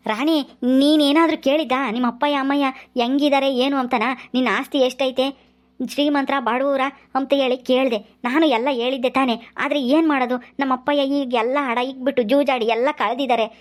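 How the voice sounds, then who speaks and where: A woman's voice: sits high, fairly even intonation, fairly quick, natural voice. A woman playing an earnest pleading young husband.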